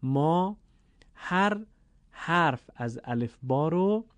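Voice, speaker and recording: A man with a fairly high, expressive voice and a Persian accent walks learners through Quranic Arabic vowel lengths in a classroom-style lesson, with no echo. Patiently, he stretches each sound and repeats it slowly and deliberately.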